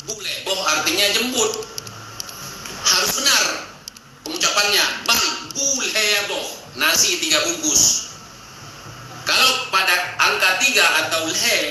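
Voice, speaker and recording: Lively man in a very echoey room. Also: fairly high pitch, noisy background. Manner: lively, emphatic, repeats words with frequent "nah". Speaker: explainer of Acehnese language. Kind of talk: casual explanatory monologue.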